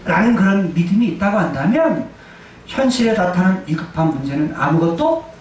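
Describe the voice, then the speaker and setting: A man's voice: high-pitched, expressive, a little fast, a little mellow, a little hiss or hum. A male pastor preaching a sermon, emphatic, asking and answering his own questions. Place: church sanctuary. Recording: echoey church hall, distant mic.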